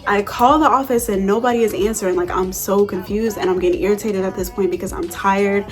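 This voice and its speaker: A young woman chatting casually through a makeup tutorial, telling animated stories in slang with plenty of swearing. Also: mid-range voice, fairly quick. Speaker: beauty vlogger.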